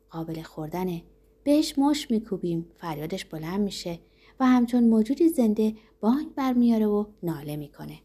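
A woman narrating a novel in the first person, reading in a steady, measured literary way. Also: medium pitch. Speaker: audiobook reader.

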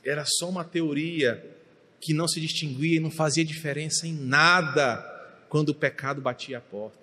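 A man's voice: fairly high pitch, moderate pace. A middle-aged man, preaching a passionate sermon from the pulpit in a church. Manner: impassioned, rises to near shouting at times. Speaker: pastor. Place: church sanctuary. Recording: long hall reverb.

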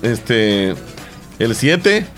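A man's voice: mid-range voice, big pitch swings, drawn-out words, a bit bright. Male co-host, easygoing and joking, light music bed. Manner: playful, laughs at himself. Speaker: radio show host. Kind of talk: casual chat show.

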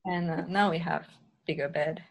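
A woman's voice: lowish voice, steady tone, normal speed. Woman, podcast guest, casual chat, fillers, laughs. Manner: chatty, many fillers, playful laughs.

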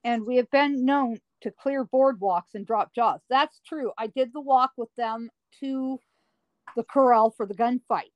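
A woman guest telling a personal story in an interview, slow and dramatic with drawn-out emphasis. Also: a little high, no room sound, highs cut off. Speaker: guest recounting paranormal experiences.

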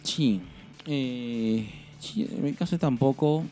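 A man with a Peruvian Spanish accent co-hosts a podcast in casual chat, swearing often and laughing through his stories. His mid-range voice is warm and slow, with soft music in the background.

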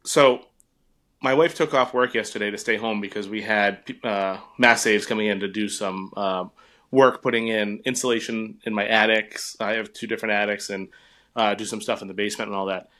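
A man's voice: lowish voice, steady tone, normal speed, sharp tone. Laughing New England man telling stories. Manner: laughs often, storytelling with profanity. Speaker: podcast co-host. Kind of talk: casual chat.

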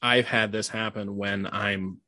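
A man's voice: lowish voice, a little slow, dry recording, studio quality. A young man co-hosting a podcast, talking loosely and acting out other people's reactions. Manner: animated, acts out others' voices. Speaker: podcast co-host. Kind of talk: casual chat.

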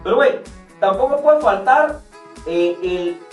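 A young Mexican man co-hosts a casual podcast, bantering through rambling, slang-heavy stories with many restarts. His high voice is expressive and measured in pace, recorded far from the mic in a roomy space with music behind.

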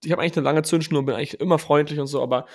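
Young man, casual storyteller, rapid delivery, somewhat high voice, animated. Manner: animated, quotes people with lively asides. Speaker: podcast host.

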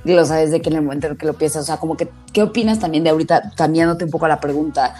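A woman with a Mexican accent, chatting casually and quickly as a host. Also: low voice, steady tone, warm tone, soft background music. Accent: Mexican Spanish. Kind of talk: casual chat.

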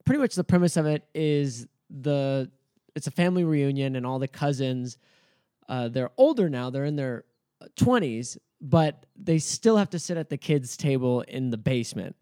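A man co-hosting a podcast, retelling things in a relaxed way with many fillers. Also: medium pitch, moderate pace, no echo, studio quality. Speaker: podcast co-host. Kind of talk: casual chat.

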